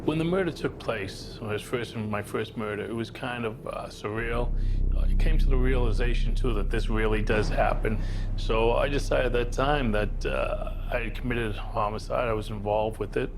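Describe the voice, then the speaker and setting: A man's voice: mid-range voice, normal speed, gravelly, background noise. A man in a documentary interview, telling his story plainly with fillers. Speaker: interviewee recounting past crimes. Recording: music underneath.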